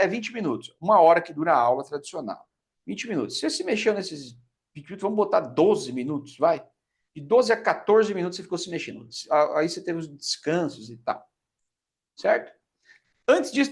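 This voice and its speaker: Animated Brazilian man teaching fitness. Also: sits high. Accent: Brazilian Portuguese. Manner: emphatic, conversational, frequent "tá?" check-ins. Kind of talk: explanatory lecture.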